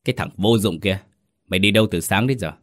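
A man voicing an angry old village landlord who scolds his servant in a fast, barking voice. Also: fairly low pitch, a bit bright, dry recording, studio quality, lightly acted. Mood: scolding.

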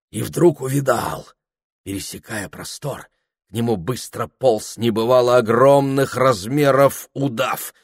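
Man, audiobook narrator, grave measured reading, slow, dry close recording. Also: on the low side, no room sound. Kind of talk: dramatic literary narration.

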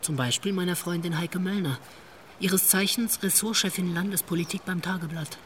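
An actress with a lowish, slightly bright voice, close to everyday speech, plays a wry, worldly police investigator in a radio drama. At normal speed she shares what she knows in a knowing, teasing, confiding way, with naturalistic acting and a little hiss or hum on the recording.

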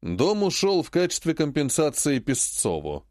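A man's voice: a little high, huge pitch swings, normal speed, darkish tone, no echo. A man reading an audiobook, voicing a stubborn, sarcastic emperor who talks in a dry, unyielding way.

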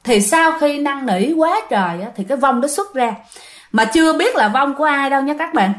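A woman with a Southern Vietnamese accent tells a ghost story in a chatty, casual way, often speaking straight to her listeners. Her voice sits high. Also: expressive, moderate pace. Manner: chatty, addresses listeners directly, many fillers.

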